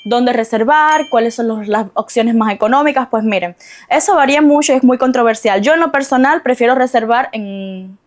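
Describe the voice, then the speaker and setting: Una mujer de Cuba con acento cubano da consejos de viaje a sus seguidores con tono conversador, franco y algo disperso. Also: female voice, on the high side, a little fast. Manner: chatty, rambling, frank asides. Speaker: travel vlogger. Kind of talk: casual advice to viewers. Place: Mexico.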